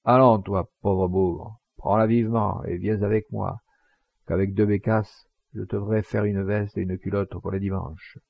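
A man reading an audiobook voices an indignant, rough countryman scolding a crowd loudly, in a gravelly, husky voice. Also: lowish voice, level tone, unhurried, no room sound, lo-fi sound. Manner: scolding, loud, declamatory. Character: indignant rough Provençal countryman, middle-aged.

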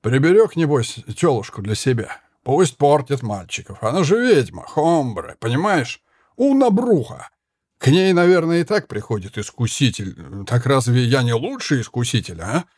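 A man voicing a hot-tempered, drunk Spanish soldier who shouts and curses in slurred bluster. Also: medium pitch, big pitch swings, moderate pace, slightly rough, no room sound, clean studio sound. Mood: drunken taunting.

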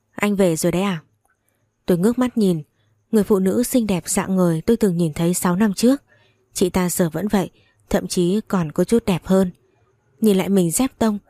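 Warm woman narrating a story. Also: on the low side, no room sound, clean studio sound. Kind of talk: first-person audio story narration.

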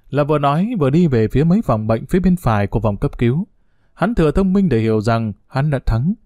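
A man narrating a story in a steady storytelling manner. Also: medium pitch, dry recording, studio quality.

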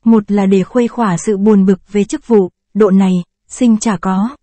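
A woman narrating a short story in a measured, expressive way. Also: mid-range voice, no echo.

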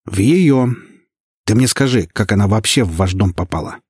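A man's voice: lowish voice, lively intonation, moderate pace, a little mellow, breathy edge, no echo, clean studio sound. A man voicing a sly, sarcastic male detective who mocks and uses slang. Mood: mocking. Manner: mocking, slangy.

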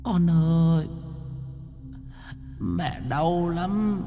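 A man voicing the ghost of a murdered old woman, faint, breathy and drawn-out. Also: a little high, long reverb tail, lo-fi sound, soft background music, pitched above the performer's own voice. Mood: anguished.

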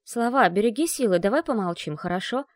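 A woman's voice: medium pitch, lively intonation, a little fast, dry recording, close to an everyday voice. A woman voicing an anxious, caring mother who fusses over her son and speaks firmly. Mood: worried.

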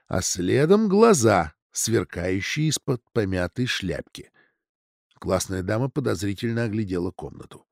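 A male narrator reads the story with a lively, rising and falling delivery. His voice is close and dry, with no room sound around it, and he leans into every turn of the tale. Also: no room sound. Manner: expressive, voices the girls' lines in a raised pitch. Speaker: audiobook narrator. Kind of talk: scripted narration.

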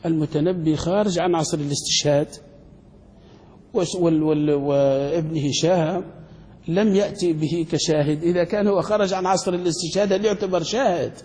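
Man, sheikh teaching a class, mellow high voice, quizzing questions, echoing hall. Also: fairly even intonation. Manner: quizzes students with quick questions; halting restarts while searching words. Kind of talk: classroom lecture. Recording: long hall reverb.

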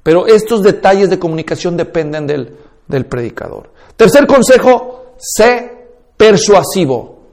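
Guy with a pretty high voice lecturing on how to preach, emphatic, talks right at you. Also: animated, unhurried, a little mellow. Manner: emphatic, instructive, addresses listeners directly; demonstrates tones and speeds with his own voice. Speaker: preaching instructor.

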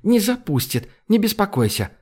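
A woman's voice: medium pitch, big pitch swings, normal speed, dark tone, breathy edge, voice pushed up. A male narrator voicing a bold, blunt young woman scout who talks in an offhand, breezy way.

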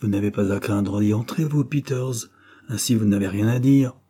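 A man voicing a calm, reasonable glove worker in a storybook reading. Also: on the low side, moderate pace, husky.

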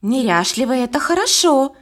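A woman's voice: high voice, sing-song, fairly quick. A woman voicing an earnest young girl detective in an audiobook, speaking a little shyly. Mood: eager. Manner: earnest, slightly shy. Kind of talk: audiobook character voice.

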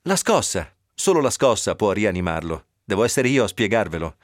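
A man's voice: fairly low pitch, expressive, a little fast, dry recording, studio quality, natural voice. A man reading a novel aloud on radio, voicing a commanding male surgeon who barks curt orders. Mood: urgent.

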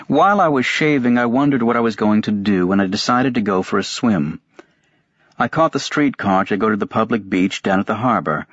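A man narrating a first-person novel as a sleep audiobook, in an even, unhurried reading voice. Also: fairly low pitch, no room sound. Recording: dry, dull-sounding recording.

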